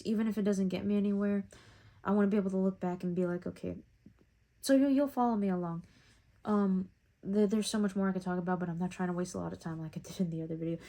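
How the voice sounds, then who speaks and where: Rambling young woman with a mellow voice. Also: mid-range voice. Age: young adult. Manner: rambling and reflective, with many fillers. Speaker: vlogger. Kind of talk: casual talking-to-camera vlog. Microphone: phone.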